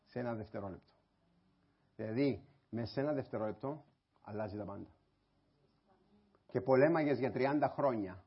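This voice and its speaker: A man preaching a sermon as pastor in a church, moving between quiet explanation and passionate shouting. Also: medium pitch, long pauses, slightly rough. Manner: impassioned, swings from quiet talk to shouting. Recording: dull lo-fi sermon recording.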